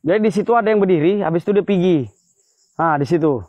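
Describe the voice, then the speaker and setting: Excitable high-voiced man in a graveyard at night. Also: quick pace, no echo. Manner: excitable, keeps exclaiming and pointing things out. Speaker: ghost-hunting vlogger. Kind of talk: night ghost-hunting vlog. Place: cemetery at night, outdoors. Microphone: phone. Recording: slightly dull lo-fi phone audio.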